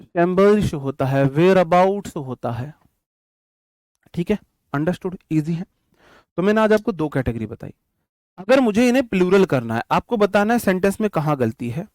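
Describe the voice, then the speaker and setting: Young male tutor, casual exam-prep lecturing, fairly high voice, dry close sound. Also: big pitch swings, brisk, a little mellow, no room sound. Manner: explains in Hindi mixed with English terms, repeats and counts out examples; addresses students directly, casual and chatty. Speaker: English teacher.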